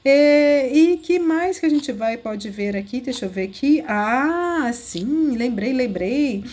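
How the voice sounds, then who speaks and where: High-voiced, gushing Brazilian woman. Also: lively intonation, slow pace, darkish tone. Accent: Brazilian Portuguese. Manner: gushing, giggly, coos over cute things. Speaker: game video host. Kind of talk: excited gameplay walkthrough.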